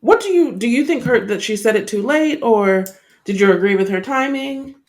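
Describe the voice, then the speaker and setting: A woman co-hosting a podcast shares her opinions casually, explaining them and setting out her points one after another. Her voice is a little high and darkish in tone, and she speaks animatedly at a moderate pace.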